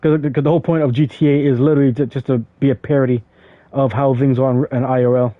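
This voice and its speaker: A man's voice: mid-range voice, level tone, fast talker, dry recording. A man giving casual gameplay commentary as he plays, rambling with lots of fillers and stammered restarts. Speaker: gaming streamer. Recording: dry tinny phone-like audio.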